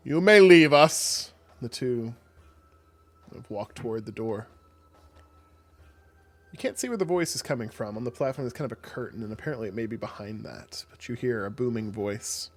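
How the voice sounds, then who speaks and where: A man's voice: mid-range voice, a little fast, pauses often, darkish tone, faint music behind. A man narrating a tabletop game as game master in a casual, hedging way.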